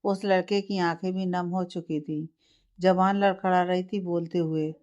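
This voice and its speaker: A woman storyteller calmly narrating a scripted family story, on a slightly muffled lo-fi recording. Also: on the low side, a little slow.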